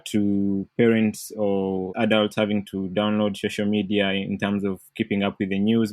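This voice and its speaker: A young man from Uganda with a Ugandan accent, a PhD candidate explaining his research in a measured way. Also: lowish voice, dry recording. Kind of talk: interview answers.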